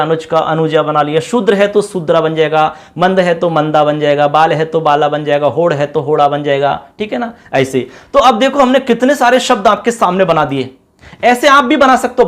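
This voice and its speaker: High-voiced man teaching a class. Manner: repeats words, quizzes the class; sings a line of a song. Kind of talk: online lesson for students.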